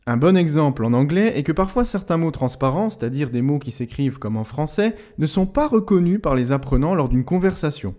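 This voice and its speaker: A man hosting a language-learning podcast, explaining pronunciation tips in a clear, didactic way, slowing down to model words. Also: a little high, expressive, warm tone. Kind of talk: scripted educational narration.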